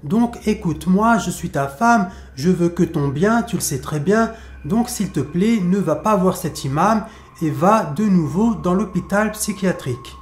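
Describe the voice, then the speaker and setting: A man's voice: high voice, animated, unhurried, echoey room. A man storyteller voicing a scheming wife who coaxes and insists, hiding her fear. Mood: insistent. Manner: insistent, coaxing.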